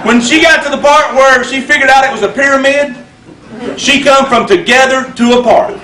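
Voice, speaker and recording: A man's voice: very high-pitched, moderate pace. A man giving a funny, folksy motivational talk on stage to a live audience. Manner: folksy, drawling storyteller with punchlines. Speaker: motivational speaker. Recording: roomy hall, distant mic, loud noise.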